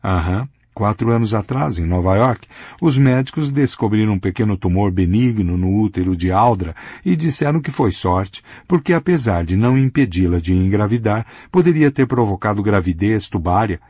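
A man playing a steady, earnest grown man. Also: fairly low pitch, moderate pace, few pauses, breathy edge, no room sound, clean studio sound.

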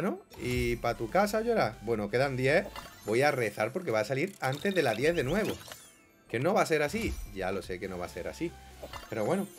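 A young man doing casual gameplay commentary, swinging grumbling mutters to excited yelps. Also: medium pitch. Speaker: gaming YouTuber.

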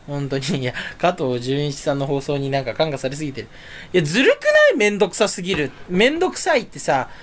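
Casual solo chatter, male, rambling and self-deprecating, pitch leaps all over. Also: animated, fast talker, few pauses. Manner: rambling, self-mocking, swings pitch up suddenly. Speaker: streamer.

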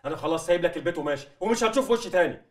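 An actor playing a young man who feels betrayed, hurling bitter accusations and shouting. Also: sits high, lively intonation, very fast, soft background music. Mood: furious. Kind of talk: TV drama acting.

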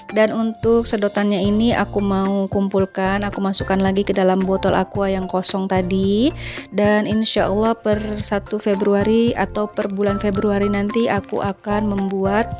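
A woman talks through a home vlog as a relaxed voice-over. She chats to her viewers like friends, filling her sentences with little fillers, at an ordinary middle pitch. Soft music plays faintly underneath. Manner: chatty, addresses viewers as friends, frequent fillers. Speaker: vlogger. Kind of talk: casual voice-over narration.

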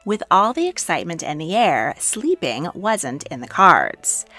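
A woman narrates her travel story in a scripted voice-over. Her voice is bright and lively, swinging up and down in pitch and sitting a little low, with soft music underneath. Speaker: history channel host.

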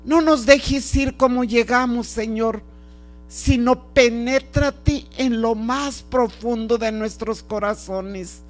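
Taking it slowly in a mid-range voice, a prayer leader delivers a fervent, spontaneous devotional prayer. Short, pleading phrases are repeated while music plays in the background.

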